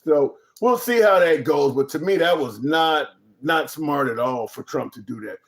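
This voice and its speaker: Hosting a laid-back live stream of political commentary, this man talks informally and bluntly, dropping some swear words and repeating phrases to drive points home. His voice is a little high, his intonation lively, his pace moderate.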